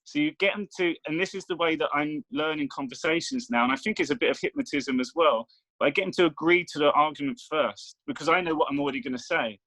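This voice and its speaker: A man's voice: on the high side, quick pace, bright, forceful tone, no room sound, rough recording. Man explaining, dry close sound. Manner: explanatory, persuasive. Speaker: meditation coach. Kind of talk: casual chat.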